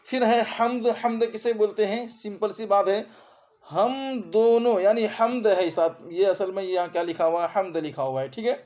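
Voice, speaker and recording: A man teaching an exam-prep Urdu grammar lesson with an Urdu accent as spoken in India, repeating terms and asking his students quick checking questions. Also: high-pitched, a little mellow.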